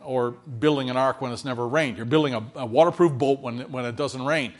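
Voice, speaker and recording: A man preaching a sermon in a conversational way, often checking in with his listeners and swinging between loud emphasis and quiet asides. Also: mid-range voice, brisk.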